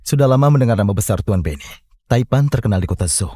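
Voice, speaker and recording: A man voicing an eager young man who flatters and charms in a dubbed drama. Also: fairly low pitch, fast, husky, no echo, clean studio sound. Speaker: young man the wife chooses to help.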